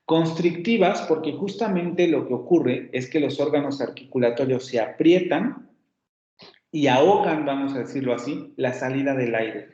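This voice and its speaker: A man's voice: medium pitch, lively intonation, normal speed, darkish tone. A male university teacher with a Mexican Spanish accent giving an online phonetics lecture, patiently explaining and repeating sounds aloud as demonstrations. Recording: echoey room, dull lo-fi audio.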